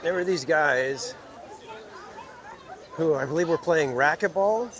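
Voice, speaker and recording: A man hosting a casual walking livestream in a theme park, chatting with viewers in a relaxed, rambling way. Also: fairly high pitch, slow, crowd noise. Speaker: livestream host. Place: outdoors in a busy theme park. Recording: loud outdoor park noise.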